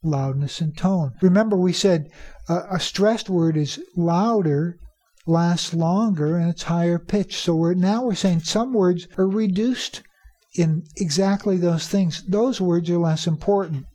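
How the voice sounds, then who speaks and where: A native English speaker teaching teachers about pronunciation, repeating key phrases for emphasis and slowing down to demonstrate. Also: medium pitch, dark tone, husky. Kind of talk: instructional talk.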